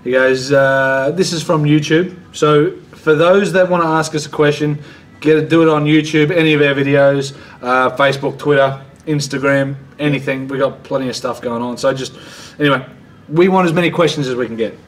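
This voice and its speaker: Joking Australian man, slightly high voice. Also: steady tone, fairly quick. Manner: jokey, reads viewer questions aloud. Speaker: co-host. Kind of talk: casual chat.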